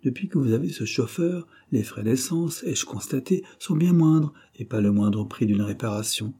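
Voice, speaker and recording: A man's voice: mid-range voice, animated, normal speed, warm tone, slightly rough. A man voicing a coy, scheming woman nurse who talks in a coaxing, sweet-talking way. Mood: confiding.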